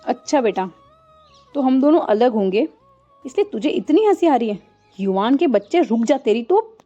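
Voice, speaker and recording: A woman voicing a playful, teasing young bride who speaks in a lively way. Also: on the high side, moderate pace, dull audio, faint music behind. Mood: mock-scolding.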